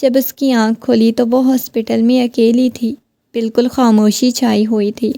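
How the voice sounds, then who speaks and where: Woman reading a romance novel, steady, dry close sound. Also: a little high, gravelly, no echo. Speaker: narrator.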